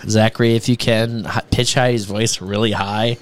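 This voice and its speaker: A man's voice: fairly low pitch, fairly even intonation, normal speed. A man co-hosting a casual podcast chat, trading teasing, mock-outraged banter with friends. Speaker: podcast co-host.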